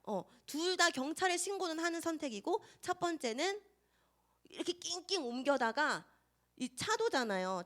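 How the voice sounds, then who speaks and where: Lively woman teaching a children's Bible lesson. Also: sits high. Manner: lively, asks children questions and acts out scenes.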